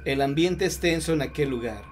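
A man from Mexico narrating scripted horror stories in a slow, measured way with dramatic pauses. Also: a little high, slight background noise.

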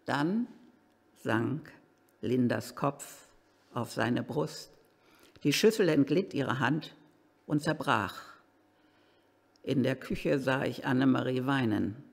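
Male reader, live first-person reading; slow, animated pitch, echoing gatehouse hall. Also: creaky. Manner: slow and expressive, with swings into excited outbursts. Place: old gatehouse at a historic cemetery. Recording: reverberant hall.

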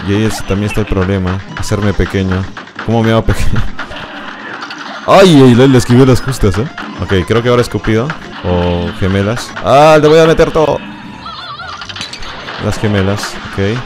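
A man's voice: fairly low pitch, normal speed. A man streaming a game, giving running commentary, muttering to himself, barking orders at his character and yelping when things go wrong. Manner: excitable, yelps and laughs at the game. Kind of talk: live gameplay commentary. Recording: streamed voice over loud game music. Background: game music.

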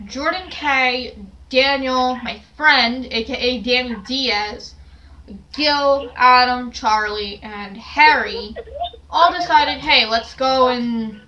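A young woman vlogger tells a story to a camera set on a stand across her small, cluttered bedroom, rambling with lots of fillers and restarts. Her voice is high and sharp, her pace slow, and the recording's high frequencies are cut off.

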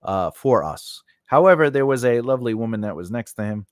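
Medium-pitched and fairly quick with lively intonation, this host gives an informal screenwriting lesson. The close-miked sound from his small home studio has no room sound, captured on a large condenser mic on a boom arm. He rambles along conversationally, often saying "you know" and "right?"

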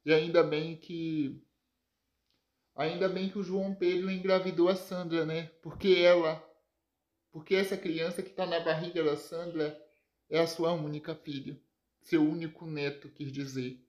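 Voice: medium pitch, little pitch movement, unhurried, darkish tone, close to an everyday voice. A narrator voicing a grown son who earnestly justifies his lies to his father. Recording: roomy echo.

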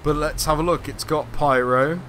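A man's voice: a little high, fairly even intonation, normal speed, a bit bright, slight background noise. British man chatting while live streaming a game. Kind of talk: casual chat over gameplay. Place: small room at home, indoors. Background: faint game music.

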